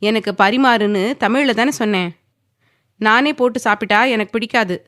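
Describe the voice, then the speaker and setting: A woman's voice: fairly high pitch, normal speed, fairly bright tone, dry recording, clean studio sound, pitched above the performer's own voice, lightly acted. A woman voicing a domineering, possessive young man who speaks firmly and commandingly, sometimes teasing.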